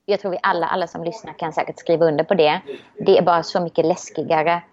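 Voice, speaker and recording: A woman's voice: fairly low pitch, fairly even intonation, a little mellow. A woman talks in a reflective, optimistic way, often restarting her thoughts. The recording sounds a bit dull. She speaks as a guest in a casual conversation.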